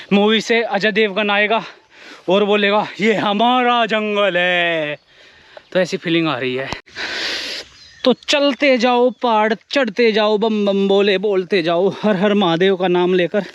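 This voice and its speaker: A man with a high voice narrates a walking travel vlog. He is outdoors on a wooded hillside, speaking into a handheld camera mic. He talks as he climbs barefoot and drifts into reflective, philosophical asides. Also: measured pace, clear, resonant tone, dry recording, highs cut off. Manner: talks while hiking barefoot uphill. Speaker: travel vlogger.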